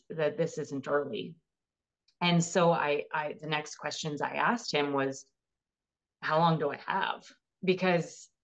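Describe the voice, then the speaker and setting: A woman's voice: low voice, highs cut off. A woman in her thirties earnestly and emotionally recounting her own experience in an interview. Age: 30s. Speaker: cancer patient sharing her story. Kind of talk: personal storytelling interview.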